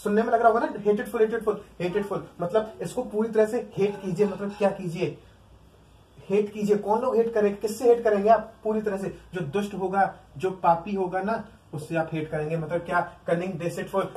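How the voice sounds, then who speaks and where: Indian male tutor, high voice, repetitive drilling, set back from the mic. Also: a little mellow. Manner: repetitive, drills words aloud, asks the class questions. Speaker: vocabulary teacher. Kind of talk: exam-prep vocabulary lesson. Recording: echoey room, mic at a distance.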